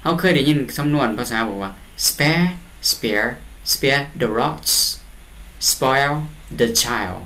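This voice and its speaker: A man with a Lao accent runs a lesson, translating an English storybook line by line. His voice sits at an ordinary middle pitch. He reads English phrases slowly, often repeating them, before explaining them patiently. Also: fairly bright tone. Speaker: teacher.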